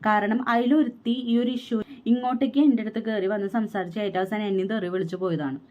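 Her voice sits in the mid range and is a little mellow. She's a young pregnant woman vlogging a personal account, talking fast in an aggrieved way and quoting what others told her.

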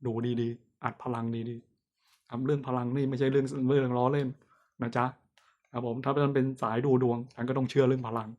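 A man working as a fortune teller, talking casually to his viewers in a chatty, self-mocking way with frequent laughs and drawn-out fillers. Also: mid-range voice. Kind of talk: casual horoscope talk to camera.

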